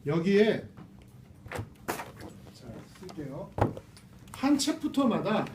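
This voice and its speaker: A man's voice: high-pitched, big pitch swings, very slow. A man teaching a casual reading lecture to a small class, chatty and full of rhetorical questions. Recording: roomy, distant mic with faint noise.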